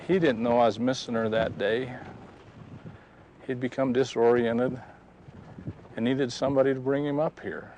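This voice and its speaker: A man's voice: mid-range voice, a little mellow, a little hiss or hum, poor audio. A man giving an earnest personal faith testimony outdoors at a historic site, acting out the dialogue as he tells it. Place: outdoors on a ridge.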